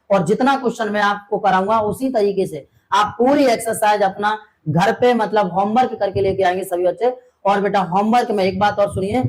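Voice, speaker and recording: A man's voice: sits high, rough recording. Male maths teacher, coaxing and patient. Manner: coaxing, keeps checking if students follow; calls students "beta" and "my brother" fondly. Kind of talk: online classroom lesson.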